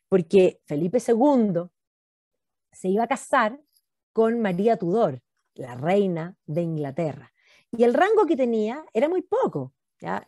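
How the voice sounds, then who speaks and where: A Chilean woman historian giving an animated talk, emphatic and insistent, repeating words for effect. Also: a little high, no room sound, studio quality.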